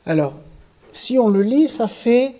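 A man's voice: extremely high pitch, animated, measured pace, dark tone, dull audio. A man teaching a Hebrew reading lesson to a class, patiently spelling out letters and syllables one by one.

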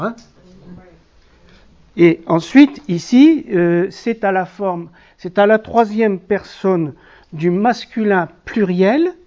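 A teacher walks a class slowly through biblical Hebrew words, patient and methodical, pausing on fillers. The sound is muffled and lo-fi, like a basic classroom recording. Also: mid-range voice, a little mellow. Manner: patient, explaining step by step with fillers. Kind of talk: classroom Bible Hebrew lesson.

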